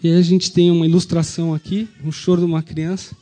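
Fast-talking and mellow, with a level tone on the high side, this Brazilian-accented pastor walks his congregation through the Easter story. Along the way he fires off rhetorical questions.

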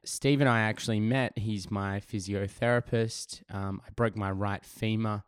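A podcast host gives a casual intro and interview, chatty and enthusiastic with lots of fillers, though his voice is still recovering from laryngitis. He speaks a little slowly in a lowish, clean voice with fairly even intonation. The studio sound is clean with no echo.

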